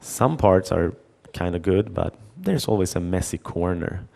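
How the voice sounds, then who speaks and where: Low-voiced halting conference speaker, a man. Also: animated, creaky, dark tone. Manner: halting, repeats words, acts out dialogue. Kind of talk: conference talk with anecdote.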